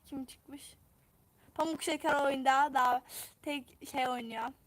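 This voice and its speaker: A young woman streaming live gameplay, reacting excitably and repeating phrases over and over. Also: high voice, measured pace, slight background noise.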